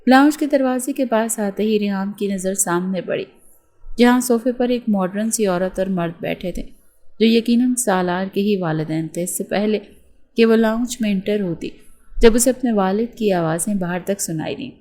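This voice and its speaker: A woman narrates a romance novel, acting out the dialogue but voicing every character in much the same way. Her scripted reading has a medium pitch, a moderate pace and a darkish tone.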